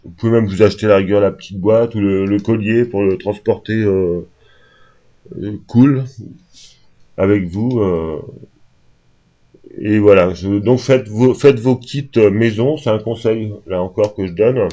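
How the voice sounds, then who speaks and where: A fairly low-voiced man rambles to camera, unscripted and hesitant, filling pauses as he goes. He sounds only just awake, with a dark, mellow tone. The home recording is dull and lo-fi. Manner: rambling, hesitant, many fillers. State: just woken up. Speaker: vlogger. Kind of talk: unscripted casual talk to camera.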